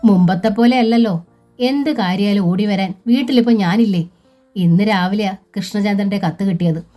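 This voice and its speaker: A woman's voice: medium pitch, normal speed, warm tone, faint music behind, lightly acted. A woman voicing a fretful, outspoken sister-in-law. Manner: fretful, lecturing. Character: worried, outspoken middle-aged sister-in-law.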